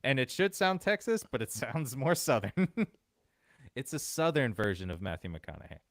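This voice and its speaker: Relaxed male podcast host, dry sound. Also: medium pitch, normal speed, dry recording. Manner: relaxed, laughs often, uses fillers. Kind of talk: casual chat and storytelling.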